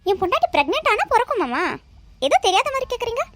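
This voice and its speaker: A defensive, sharp-tongued young cartoon husband who argues back and lectures, voiced by a woman. Her voice runs high for him. The sound is close and dry. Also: very animated, very fast, no room sound, heavily acted. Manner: argumentative, lectures his wife.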